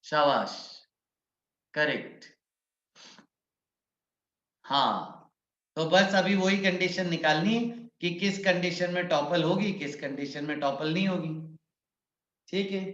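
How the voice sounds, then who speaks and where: A man's voice: on the high side, takes it slowly, long pauses, a bit bright. A man teaching a physics class online, coaxing his students and calling on them by name, mixing English physics terms into his explanations. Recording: muffled echoey room.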